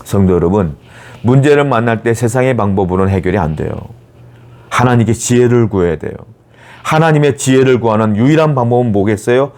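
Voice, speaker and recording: A man's voice: mid-range voice, lively intonation, fairly quick, a little mellow. A male pastor preaching a sermon, often posing rhetorical questions to the congregation.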